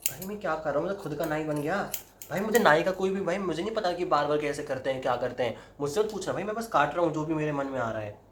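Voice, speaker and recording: A man's voice: fairly high pitch, expressive, quick pace, a little hiss or hum. A young man chatting casually to camera while he cuts his own hair at home, mixing Hindi with English and breaking into dramatic yelps and laughs. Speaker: vlogger. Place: indoors at home, roomy. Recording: echoey home room.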